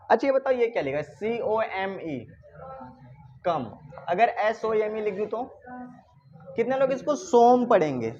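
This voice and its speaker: A man teaching English pronunciation to a class, asking questions and repeating words slowly. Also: sits high, a little mellow, muffled recording. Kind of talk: classroom lesson.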